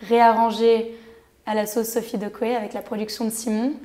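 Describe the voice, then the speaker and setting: A woman in her thirties from Switzerland, a singer guest chatting in a relaxed way on a radio interview. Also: on the high side, a little fast. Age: 30s.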